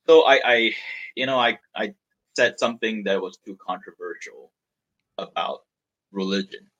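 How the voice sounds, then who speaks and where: A startup founder from Malaysia, in his thirties, recounts his story openly during an interview, meandering a little and repeating words as he thinks. His voice is fairly low and a bit bright at a moderate pace, on dull audio.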